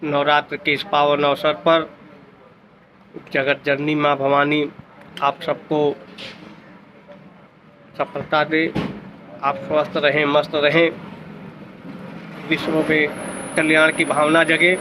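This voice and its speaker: Slow, measured man with a flat voice. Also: a little high, slight background noise, low-quality recording. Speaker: local speaker giving festival wishes. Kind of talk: formal greeting to camera.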